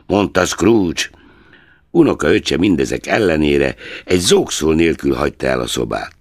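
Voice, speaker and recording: Deep-voiced theatrical male storyteller. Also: dry recording, studio quality. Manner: expressive, theatrical reading. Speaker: narrator. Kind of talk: scripted story narration.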